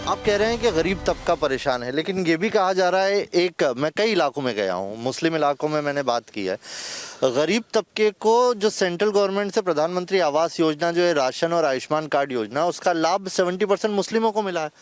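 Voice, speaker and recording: A male interviewer puts probing questions in a high voice. The sound is dry and close to the mic. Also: lively intonation, fairly quick, no room sound, soft background music.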